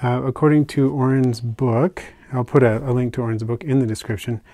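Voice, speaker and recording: Relaxed, chatty older man, dry close sound. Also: mid-range voice, a little fast, dry recording. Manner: relaxed, chatty, with fillers and soft asides. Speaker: isopod keeper unboxing purchases. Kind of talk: casual hobby vlog narration. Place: indoors at a table, hands on camera.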